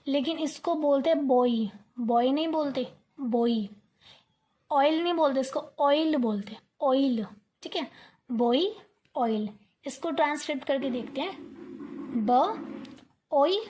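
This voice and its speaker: With a high voice, a young female English teacher leads an online class, coaxing students along, repeating words to practice the sounds, and checking in regularly.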